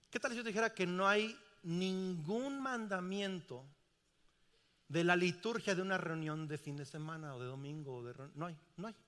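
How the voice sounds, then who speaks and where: A man's voice: on the high side, big-room sound. A middle-aged man preaching a sermon in a large church, asking the congregation questions. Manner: animated, asks the congregation questions. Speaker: pastor.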